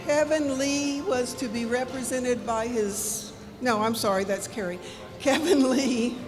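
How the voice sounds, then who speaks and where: With music playing and long reverb from the big indoor hall, a woman with a fairly high pitch reads out scholarship and donation recipients at a community ceremony. Her formal podium announcing is slow, with the occasional polite correction and apology.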